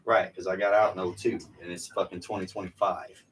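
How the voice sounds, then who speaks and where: A man's voice: sits low, little pitch movement, fairly quick, fairly bright tone, recorded from a distance, a little hiss or hum, poor audio. A man in his forties, a podcast co-host, telling candid stories in a rambling casual chat.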